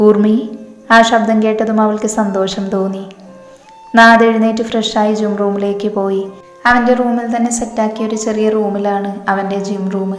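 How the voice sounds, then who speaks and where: A woman storyteller narrating a story in a steady, even reading voice. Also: mid-range voice. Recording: echoey room, long reverb, faint music.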